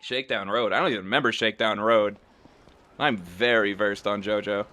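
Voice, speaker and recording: A man's voice: on the low side, brisk, bright, forceful tone. A man streaming a game, chatting casually and rambling with lots of fillers on a close desk mic. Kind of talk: casual live-stream commentary.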